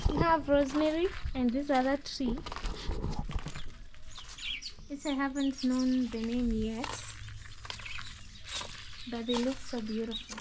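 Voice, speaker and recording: Slow-talking woman touring her garden. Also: a little high. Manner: chatty, musing aloud, admiring. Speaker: vlogger. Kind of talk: casual garden walkthrough. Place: outdoor garden compound. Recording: outdoor noise, birdsong.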